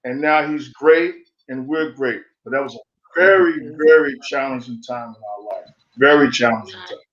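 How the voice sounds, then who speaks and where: A middle-aged man, a married father, telling a story in an earnest, measured way over dull lo-fi audio. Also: medium pitch, a bit bright, roomy sound. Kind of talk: reflective storytelling.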